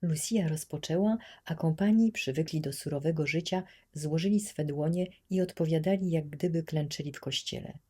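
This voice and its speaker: Lady reading a story audiobook, calm and steady. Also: low voice, normal speed, hardly any pauses, husky. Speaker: audiobook reader. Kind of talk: scripted audiobook narration.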